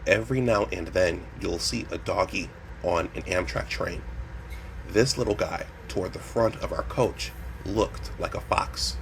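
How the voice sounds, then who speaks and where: A man with a fairly low voice narrates a travel vlog from a script. Train ambience runs clearly behind him. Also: a little slow. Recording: clear background train noise.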